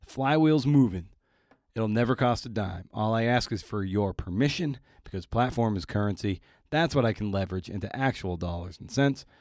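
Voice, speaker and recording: In studio-quality audio with no echo, a man hosts a podcast alone, his voice medium-pitched and a little mellow. He makes announcements in a casual monologue, adding wry, playful, slangy, self-deprecating remarks.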